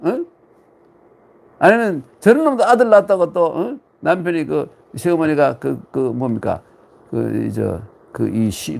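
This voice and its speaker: Gravelly, rambling male lecturer. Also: lowish voice, warm tone. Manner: chatty, rambling, with frequent fillers and asides. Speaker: classics lecturer. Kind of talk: casual lecture.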